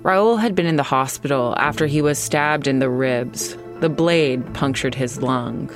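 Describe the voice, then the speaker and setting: An American woman hosting and narrating a scripted true-crime podcast in a measured storytelling way with deliberate pauses. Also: a bass voice, soft background music.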